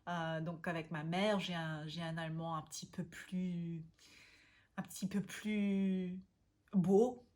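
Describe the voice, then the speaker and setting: A woman from Austria, talking casually to camera as a language vlogger, often pausing to search for words and restarting. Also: on the low side, steady tone, darkish tone. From Austria (Vienna). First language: German.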